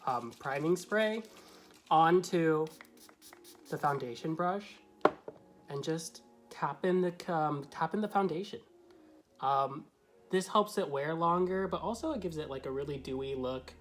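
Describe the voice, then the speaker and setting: A man's voice: on the high side, fairly bright tone. A man who is a drag queen vlogger, talking through a tutorial to camera in a chatty, meandering, explanatory way. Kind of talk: casual tutorial talk to camera.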